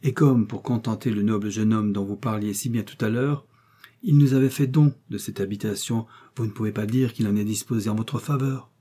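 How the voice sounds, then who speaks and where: A man's voice: lowish voice, brisk, warm tone, breathy edge. Man voicing a polite, unyielding old servant woman. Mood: politely firm. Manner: respectful but unyielding.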